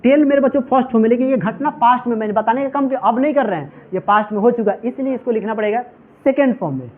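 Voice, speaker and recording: Man, teacher, very high voice, drills the class with repeated questions, thin phone-like sound. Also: racing. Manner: repetitive call-and-response questioning; addresses students as "my children". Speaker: English teacher. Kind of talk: classroom lecture. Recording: tinny phone-like audio.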